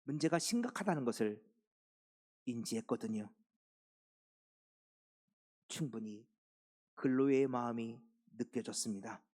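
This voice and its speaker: A man's voice: medium pitch, lively intonation, measured pace, pauses often, a little mellow. A man in his fifties, a pastor preaching a sermon and posing questions to his congregation.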